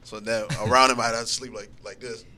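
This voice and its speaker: A man's voice: mid-range voice, flat delivery, fast talker, a crowd in the background. A man co-hosting a podcast, telling stories in casual chat with lots of laughter and swearing. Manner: laughing storyteller, profane. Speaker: podcast co-host.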